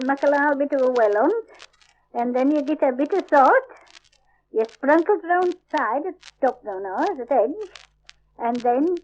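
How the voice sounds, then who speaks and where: A woman's voice: sits high, darkish tone. An older woman with a broad, old-fashioned Yorkshire accent, explaining step by step in homely, informal dialect. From Yorkshire, England. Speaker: home baker, dialect speaker. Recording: dull lo-fi 1950s archive recording.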